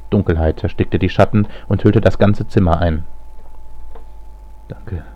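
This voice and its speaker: A man reading a novel aloud as a narrator, measured storytelling that also gives voices to the characters. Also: sits low, steady tone, warm tone. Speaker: audiobook narrator. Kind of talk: scripted narration. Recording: slightly lo-fi audio.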